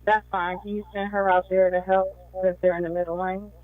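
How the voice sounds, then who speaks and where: A fairly high-pitched man's voice crackles through a thin, narrow-band police radio with a dry, close sound. He reports in short, practical radio calls. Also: flat delivery, a little fast, no room sound, soft background music. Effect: police radio transmission. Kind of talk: terse radio call codes.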